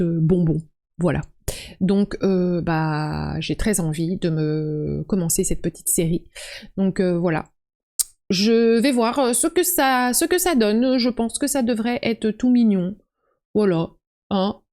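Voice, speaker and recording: A woman's voice: mid-range voice, darkish tone. A woman chatting casually at home about the books she wants to read, with many fillers and restarts. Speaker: booktuber.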